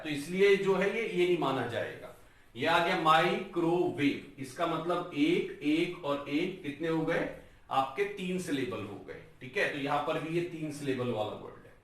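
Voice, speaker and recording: A man teaching an English lesson, sounding out words slowly syllable by syllable and calling his viewers guys. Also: fairly high pitch, a bit bright, distant mic. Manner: breaks words into slow, drawn-out syllables, addresses viewers as guys. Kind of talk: classroom-style lesson on a whiteboard. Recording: very echoey room, voice from off-mic.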